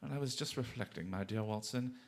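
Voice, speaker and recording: A man's voice: fairly low pitch, fairly quick, gravelly. A man playing Sherlock Holmes in a radio drama, a confident, playful detective with a British accent and urbane, wry, hesitant phrasing. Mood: wry, self-assured. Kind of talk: theatrical radio drama acting.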